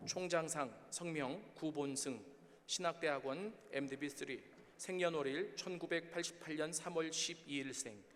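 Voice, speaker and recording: A man's voice: on the high side, moderate pace, a bit bright, slight background noise. A man, a professor, formally announcing awards and reading citations at a ceremony. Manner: formal, reads names and citations. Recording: reverberant hall.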